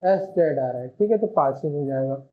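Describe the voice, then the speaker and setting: A male shorthand teacher with a fairly high, expressive voice gives an online classroom lesson at a moderate pace. He explains patiently, frequently pausing to pose questions and answer them himself, in a muffled lo-fi recording.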